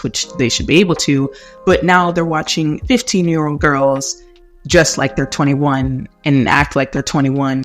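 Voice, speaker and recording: A man giving casual, conversational video commentary, recorded on a headphone microphone in a bathroom. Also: on the high side. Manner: informal, conversational asides. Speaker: video host. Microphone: headphones used as a microphone.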